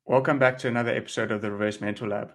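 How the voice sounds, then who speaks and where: Male host, lowish monotone voice, steady measured welcome. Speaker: podcast host. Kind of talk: podcast hosting.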